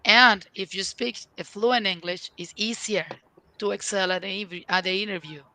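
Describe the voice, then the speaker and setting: A woman's voice: medium pitch, normal speed, sharp tone, slight background noise, low-quality recording. A woman working as a leadership coach, talking casually on a panel in a rambling way, with restarts and many uses of "like". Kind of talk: casual online panel talk.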